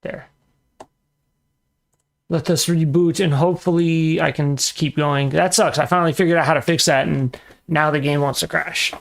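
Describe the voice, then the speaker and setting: A man giving casual commentary while playing a game, muttering to himself with frustrated asides and quick self-corrections. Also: on the high side, steady tone, creaky. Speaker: gaming video creator.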